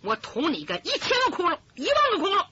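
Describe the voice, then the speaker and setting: A woman's voice: extremely high pitch, wildly swooping pitch, quick pace, sharp tone, voice pushed up, full character voice. A woman storyteller voicing a petulant, spoiled young male swordsman in a dull lo-fi recording. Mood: furious. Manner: petulant, swings from bluster to whining sobs. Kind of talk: traditional storytelling.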